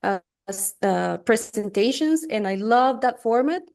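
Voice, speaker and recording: A woman's voice: fairly high pitch, animated, measured pace, creaky, darkish tone. A middle-aged woman from Rica, chatting enthusiastically as a guest at a conference. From Costa Rica. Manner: enthusiastic, chatty, laughs easily. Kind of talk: conversational interview answer.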